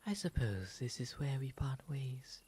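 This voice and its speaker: In an ASMR roleplay, a man voices a gentle, refined owl demon, speaking with fond courtesy in a medium-pitched, expressive voice that is soft, breathy and often whispery. His formal, genteel phrasing is soothing and unhurried, and there is noticeable ambient noise in the background.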